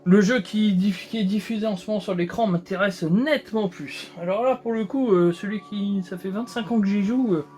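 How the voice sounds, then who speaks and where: A man with a high voice talks casually as he works on a build, filling his sentences with hesitations and false starts. Faint music plays under him. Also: moderate pace, few pauses, darkish tone. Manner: rambling, many hesitations and restarts. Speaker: host. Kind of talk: casual chat while building a model.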